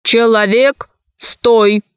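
A woman doing a slow, toneless robot voice. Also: on the high side, steady tone, clear, resonant tone, no room sound, clean studio sound. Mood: commanding. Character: emotionless male robot, slow flat speech. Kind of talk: storybook reading.

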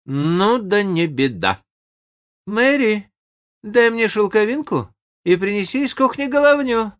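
A reader voicing an older aunt who scolds a boy for faking illness in a brisk, no-nonsense way. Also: mid-range voice, big pitch swings, pitched above the performer's own voice. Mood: scolding. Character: stern but kindly old aunt.

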